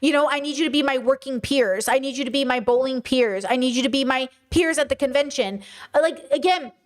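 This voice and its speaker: A woman's voice: high-pitched, brisk. A woman in her thirties hosting a stream, ranting bluntly and swearing freely as she reacts to chat. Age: 30s. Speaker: streamer host. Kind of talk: casual commentary on a stream.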